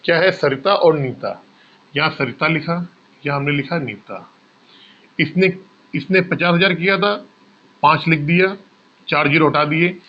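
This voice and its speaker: A man's voice: a little high, measured pace, long pauses, dull audio. A male maths teacher explaining exam problems step by step, asking questions and answering them himself. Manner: addresses students as bhaiya. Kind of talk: exam-prep maths lesson.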